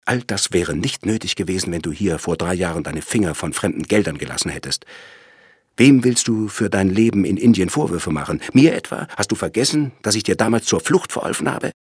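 A man's voice: low-pitched, brisk, few pauses, husky, dry recording, clean studio sound. A man voicing a stern, indignant lawyer. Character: stern, agitated male lawyer, the older-seeming twin.

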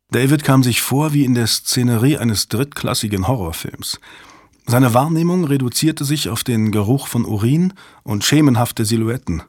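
A man narrating a thriller audiobook in measured, even storytelling. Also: medium pitch, dry recording, studio quality. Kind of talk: scripted narration.

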